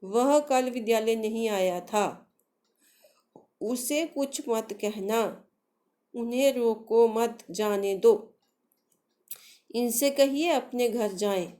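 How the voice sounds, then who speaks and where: A woman gives a grammar lesson to children at a slow, unhurried pace. Her voice sits a bit higher than most, and she keeps quizzing the class and answering her own questions, calling the children dear. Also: warm tone. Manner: slow, patient, asks questions and answers them herself; addresses pupils affectionately. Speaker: teacher.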